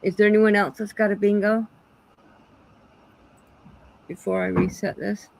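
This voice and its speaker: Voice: mid-range voice, little pitch movement, unhurried, creaky, rough recording. Give me a casual bingo caller chatting between games. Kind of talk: casual bingo calling and chat.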